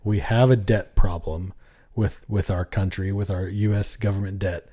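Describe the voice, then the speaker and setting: A man with a low, warm, mellow voice co-hosts a casual political podcast. He is opinionated and chuckles between his points. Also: fairly even intonation, normal speed. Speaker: podcast co-host.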